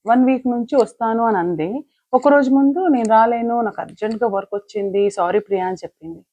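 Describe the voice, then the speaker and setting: A woman's voice: on the high side, fast, mellow, no echo. A woman playing a stubborn grudge-holding mother. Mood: defensive. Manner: defensive, justifying herself. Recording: dull lo-fi, dry.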